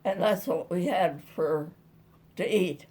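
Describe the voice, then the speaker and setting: Here a centenarian woman, interviewed about her early years, tells old stories in a loose, meandering, homespun manner. She speaks slowly in a fairly low, husky voice that's a little mellow.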